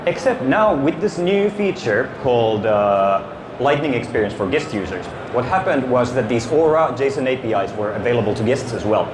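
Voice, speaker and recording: On a conference stage inside an echoey exhibition hall with ambient noise, a Finnish security consultant in middle age presents with a handheld microphone. His voice is mid-range with lively intonation at a normal pace, and his casual talk is littered with fillers and restarts.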